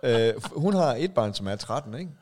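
A chatty man in his thirties, telling stories on a podcast with a lively, swooping voice. He rambles along, restarting his sentences and filling gaps with "uh". His voice sits in a middle register. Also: medium pitch. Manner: rambling, lots of fillers and restarts. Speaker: podcast co-host. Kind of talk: casual chat.

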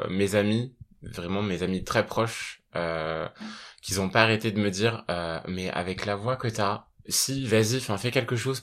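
A man's voice: deep voice, fairly bright tone. A man appearing as a guest in a casual podcast chat, talking about performing and mocking himself with a laugh. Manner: chatty, self-mocking, laughs often.

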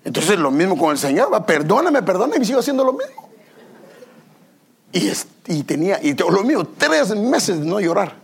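A man's voice: high-pitched, sing-song, moderate pace, vocal fry, husky. A man, a pastor preaching a sermon to his church, telling self-deprecating stories and asking the congregation questions. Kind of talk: sermon with personal anecdotes. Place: church service.

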